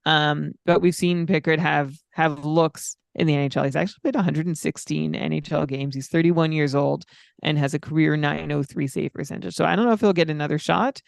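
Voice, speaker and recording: A man co-hosting a fantasy hockey podcast in casual chat, reeling off statistics in a measured way. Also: on the high side, fairly even intonation, creaky, dry recording. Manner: stat-heavy, measured, frequent fillers. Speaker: podcast co-host.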